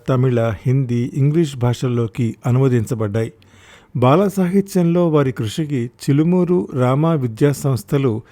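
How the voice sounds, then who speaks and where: Mellow-voiced male story narrator. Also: mid-range voice. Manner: steady, formal reading.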